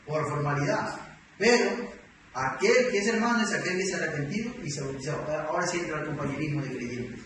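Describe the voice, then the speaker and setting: A man's voice: on the high side, quick pace. A man, emphatic and full of rhetorical questions. He is recorded from a distance in a large church hall, with a strong echo and a constant background noise. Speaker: preacher teaching doctrine. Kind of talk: sermon.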